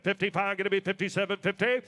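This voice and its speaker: A man working as an auctioneer, calling bids in a rapid, repetitive, rolling live chant. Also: high-pitched, flat delivery, fairly bright tone. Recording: long hall reverb.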